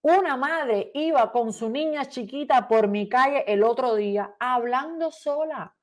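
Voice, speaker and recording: Woman host, higher voice, reads a letter aloud with heavy indignant emphasis. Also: unhurried. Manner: indignant, dramatic reading with emphatic stresses. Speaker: talk show host.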